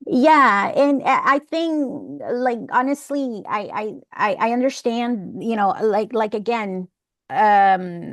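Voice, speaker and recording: A woman's voice: mid-range voice, no echo, clean studio sound. A woman from El Salvador leading an online class discussion, talking in a chatty way with many fillers and restarts. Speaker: class leader.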